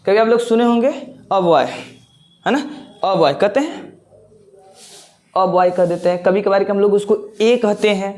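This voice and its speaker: A man's voice: high-pitched, dark tone. A male teacher giving a grammar lesson, explaining step by step with repeated words and rhetorical questions.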